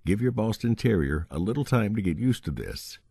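A man reading a dog-training book aloud as its narrator, in a steady, instructive way. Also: on the low side, a little fast, creaky, husky, no room sound, clean studio sound. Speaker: audiobook narrator.

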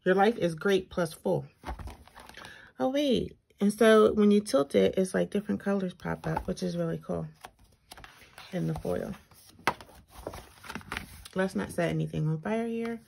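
Woman, speech slightly hampered by braces, creaky voice, casual vlog walkthrough, thinking aloud, noticeable background noise. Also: mid-range voice, unhurried, pauses often, a little mellow. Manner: informal, thinking aloud while reading items out. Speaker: planner reviewer, video host. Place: indoors at a tabletop, hands-only overhead shot.

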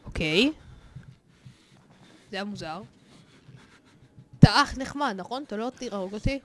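A man hosting a horror game let's play, excitable and jokey, swearing often and yelling at the scares. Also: high-pitched, a little hiss or hum. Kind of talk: gaming commentary.

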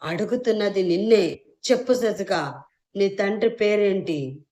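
A woman voicing a furious young man who shouts stern demands in an audio story. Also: mid-range voice, a little slow, close to an everyday voice. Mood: angry.

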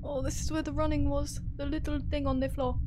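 A woman's voice: high voice, level tone, fairly quick, noisy background. A woman talking to herself as she plays a horror game, jittery and joking, with game music playing behind her. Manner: jittery, talks to herself, jokey. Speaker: gaming streamer. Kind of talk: horror game let's-play commentary.

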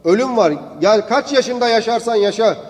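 A man's voice: extremely high pitch, moderate pace, long reverb tail. A male preacher giving a sermon in a storytelling manner, rising into emphatic declaiming.

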